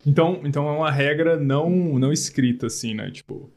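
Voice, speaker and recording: A man's voice: a little high, a little fast, darkish tone. A man hosting a casual live chat, reading questions from the chat and reacting eagerly. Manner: eager, reacts with short exclamations. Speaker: host.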